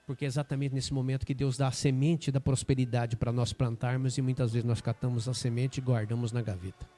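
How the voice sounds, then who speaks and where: Brazilian pastor preaching with dramatic pauses. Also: male voice, medium pitch, little pitch movement, dark tone, soft background music. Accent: Brazilian Portuguese. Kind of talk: sermon storytelling.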